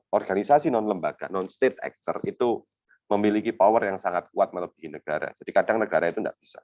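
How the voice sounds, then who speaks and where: A young man with a very low voice walks listeners through a webinar lecture, relaxed and conversational and full of filler words. The sound is dry and a bit dull, the lo-fi audio of a video call. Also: no room sound. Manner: conversational, many fillers and hypothetical examples. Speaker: webinar speaker on refugee law. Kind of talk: academic webinar presentation.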